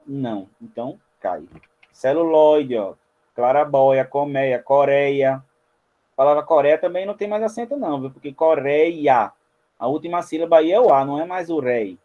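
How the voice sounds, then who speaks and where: A man teaches a spelling lesson at a board, guiding viewers through each example step by step and often pointing things out to them. His voice is a little high, animated and fairly quick, and the recording has its high frequencies cut off.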